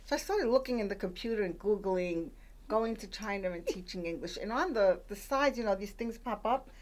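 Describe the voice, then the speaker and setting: An older woman from Puerto Rico, raised in the Bronx, talks as a guest on a radio show. She tells her story casually, with plenty of fillers and restarts, and her voice is of middle pitch. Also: brisk, a little mellow, a little hiss or hum. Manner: chatty, with many fillers and restarts. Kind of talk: conversational storytelling.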